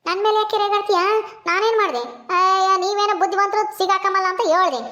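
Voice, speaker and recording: A meddling old village grandmother, voiced by a woman, who nags and needles. Her voice sits very high. She talks fast and keeps prodding. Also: steady tone, pushed and bright. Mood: needling. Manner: nagging, needling.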